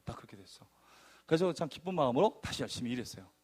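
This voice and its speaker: A man preaching a sermon testimony, telling his story in an animated, emphatic way and acting out arguments. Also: medium pitch, racing, slightly rough.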